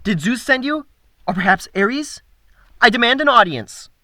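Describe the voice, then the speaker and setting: A man's voice: very high voice, lively intonation, moderate pace, pushed and bright, no room sound, studio quality, voice pushed up, heavily acted. A man voicing a proud god stuck in a beaten-up young man's body, indignant and demanding, in an audiobook.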